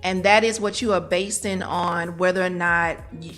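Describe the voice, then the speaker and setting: Woman cohost, bright punchy voice, explains stuff emphatically, little music behind. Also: fairly low pitch, fairly even intonation, normal speed. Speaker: podcast co-host. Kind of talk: casual chat.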